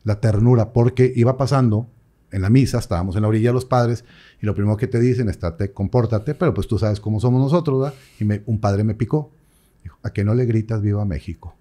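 A young Mexican priest talks casually and quickly in an interview, his mellow, warm voice pitched in the middle range. He is an animated storyteller who acts out the voices of the people he quotes.

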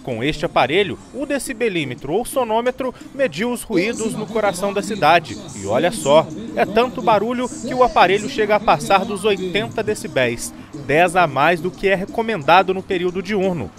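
A man narrating a news report in a measured, informative way. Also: sits high, lively intonation.

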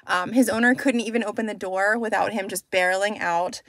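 A woman in her thirties, a dog trainer, talking calmly and upbeat to a phone camera from a car. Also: medium pitch, a little fast, dry recording. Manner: calm, upbeat, explanatory. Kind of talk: casual instructional vlog. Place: inside a parked car, then outdoors on a street. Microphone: phone camera held at arm's length. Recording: noisy car and street ambience.

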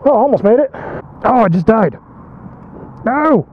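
A man chatters excitedly while riding a tiny motorbike through town traffic, joking with his viewers as he goes. His voice sits high and swings all over the place. The sound is dull and muffled, with loud road and engine noise underneath. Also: takes it slowly. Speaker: motovlogger. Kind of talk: casual motovlog commentary while riding.

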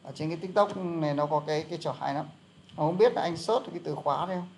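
Thầy giáo nam giọng cao, nói chuyện thân mật. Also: male voice, on the high side, fast, a little hiss or hum. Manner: chatty explaining, many fillers. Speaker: English teacher. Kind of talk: casual online lesson.

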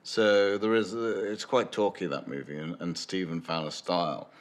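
A man's voice: deep voice, steady tone, normal speed. An older man, a screenwriter, answering interview questions in a thoughtful, musing way, often restarting phrases and adding "you know". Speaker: screenwriter interviewed about his film. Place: dim indoor room with lamps behind. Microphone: medium shot, seated, unseen mic.

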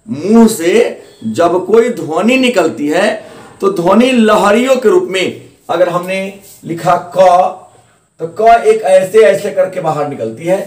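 A man's voice: high-pitched, animated, a little slow, a little mellow. A male teacher giving a grammar lesson, repeating key terms and asking questions he answers himself. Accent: Hindi, eastern. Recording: echoey room, mic at a distance.

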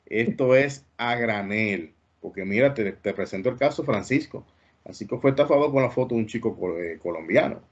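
A man's voice: mid-range voice, animated, normal speed, slightly rough, dull audio. A man hosting an interview, earnest and cautionary in tone. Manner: earnest, warning tone. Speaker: host.

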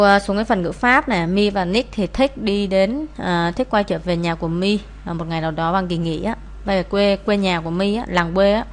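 A woman, teaching as she explains answers to an English test, with many "à" fillers. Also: medium pitch. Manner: frequent "à" fillers, steady explaining.

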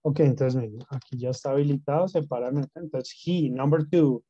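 Mellow-voiced teacher. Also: male voice, medium pitch, steady tone, brisk, no room sound. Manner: mixes Spanish and English, frequent "¿no?" and "¿listo?" checks. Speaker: English teacher. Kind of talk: online class explanation. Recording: dull lo-fi sound.

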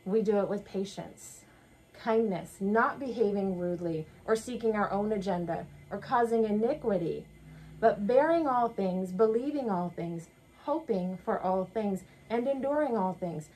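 A woman speaks in a measured, thoughtful way as she co-hosts a sermon conversation, partly reading prepared lines. Her voice is mid-pitched with a slightly husky edge. She is recorded in a small wood-paneled room. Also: lively intonation, a little mellow, poor audio. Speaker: co-host.

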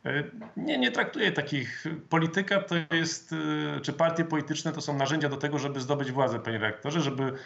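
A man's voice: fairly high pitch, gravelly, a bit bright. Formal male politician on a video call. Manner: measured, formal, hesitant fillers. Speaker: member of parliament, guest. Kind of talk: political interview. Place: home office with flag, indoors. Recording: dull lo-fi video call audio.

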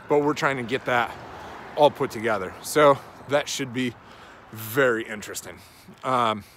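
A man in his thirties who coaches strength and conditioning rambles casually as he strolls a suburban street, talking into a handheld phone at arm's length. His voice is medium-pitched and fairly bright, with slight background noise.

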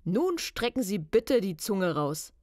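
A woman voicing a boy who pranks with a deep, loud, official male voice on the phone, in a storybook. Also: sing-song, no echo, clean studio sound. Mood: mock-official. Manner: loud, slow, official-sounding.

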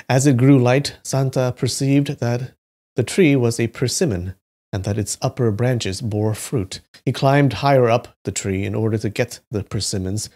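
A man at an everyday mid-range pitch reads folktales aloud in a plain, steady narration. Now and then he drops into loose, joking commentary. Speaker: YouTube history host. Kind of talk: reading folktales aloud with casual asides.

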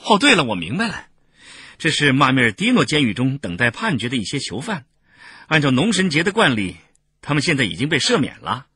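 A man voicing a knowing Roman explaining briskly. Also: medium pitch, huge pitch swings, pushed and bright, breathy edge, no room sound, studio quality, voice pushed up, full character voice.

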